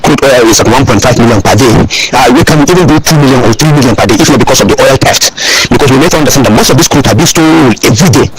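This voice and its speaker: A man's voice: medium pitch, racing, hardly any pauses, background noise. A man with a Nigerian English accent, heard as a recorded voice note played on a call-in show, speaking emphatically and with complaint. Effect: recorded voice note played on air. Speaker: listener sending a voice note. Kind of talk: call-in opinion message.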